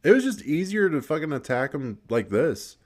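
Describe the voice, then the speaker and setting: A man's voice: fairly high pitch, very animated, moderate pace, darkish tone. A man giving casual gameplay commentary, swearing a lot, laughing often and rambling with restarts. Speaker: gaming video creator.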